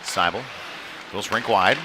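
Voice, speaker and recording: At a cold ice rink during a live stream, a man provides relaxed, rough-edged play-by-play of a youth hockey game, getting more animated as the action heats up. His voice is fairly low and unhurried, and crowd noise and venue sound come through clearly behind it.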